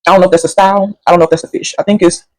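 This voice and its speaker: A woman's voice: fairly low pitch, steady tone, very fast, no echo, rough recording. A woman doing a casual, rambling food review at home, sassy and sometimes talking while she eats.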